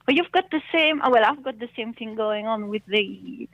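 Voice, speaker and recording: Middle-aged woman caller over the phone; halting, hesitant delivery, slightly high, muffled lo-fi line. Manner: hesitant, halting, laughs often. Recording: dull phone line, dry.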